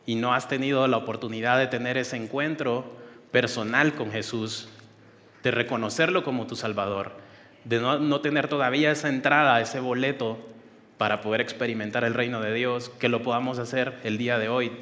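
A man's voice: mid-range voice, fairly even intonation, normal speed, a bit bright. Man preaching in a reverberant hall. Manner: earnest preaching with spoken prayer and casual asides. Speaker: pastor. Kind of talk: sermon.

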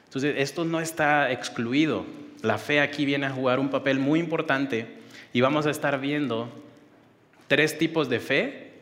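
A man preaching a sermon at middling pitch, his voice ringing with long reverb as in a church hall. He talks earnestly and conversationally, leading prayer and retelling a story with casual asides. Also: unhurried, fairly bright tone. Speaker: pastor.

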